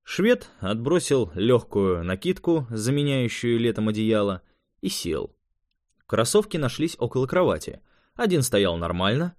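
A man reading fiction aloud as an audiobook narrator in an expressive, measured way. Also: mid-range voice, dry recording, clean studio sound. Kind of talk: scripted narration.

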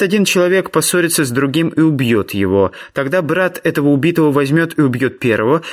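A man voicing a brash teenage boy from a feuding family, who talks bluntly and flatly about killings. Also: mid-range voice.

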